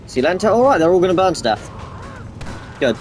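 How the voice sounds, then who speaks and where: A man's voice: sits high, big pitch swings, fairly quick, darkish tone, faint music behind. A man giving casual gameplay commentary, rambling, swearing freely and restarting his sentences. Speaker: gamer playing on camera.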